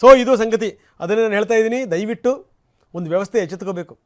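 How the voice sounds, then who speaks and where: A man's voice: sits high, fast. A man giving impassioned, indignant news commentary as an anchor, full of rhetorical questions and emphatic repetition.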